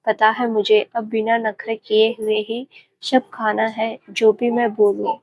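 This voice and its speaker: A woman voicing a doting, playful young husband in a romance story, speaking softly and affectionately. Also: on the high side, level tone, measured pace, muffled recording. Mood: tender. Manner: soft, affectionate, teasing. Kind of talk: audiobook story reading.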